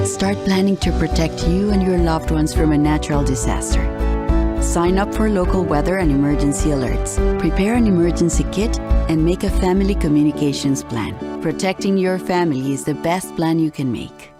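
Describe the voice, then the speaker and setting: A woman reading a scripted public service ad in a calm, reassuring tone. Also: on the low side, moderate pace. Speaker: ad announcer. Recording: ad played with loud music.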